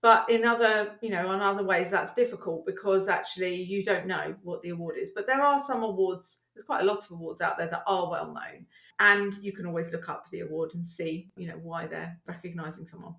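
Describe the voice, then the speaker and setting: A woman guest on a podcast, talking through her work in an animated, chatty way and laughing easily. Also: fairly low pitch, fairly quick, gravelly. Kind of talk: conversational interview. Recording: roomy echo.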